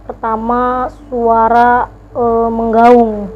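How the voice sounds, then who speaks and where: A woman's voice: a little high, completely flat delivery, drawn-out words, lo-fi sound, soft background music. A woman guest telling a neighbour's ghost story in casual talk, hesitant and full of fillers, acting out shocked gasps.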